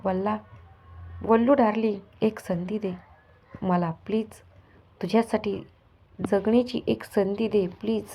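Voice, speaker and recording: A woman's voice: mid-range voice, steady tone, unhurried, long pauses, dark tone, a little hiss or hum, close to an everyday voice. A woman reading as a pleading lovestruck husband. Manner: coaxing, pleading, affectionate. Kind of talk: storybook reading.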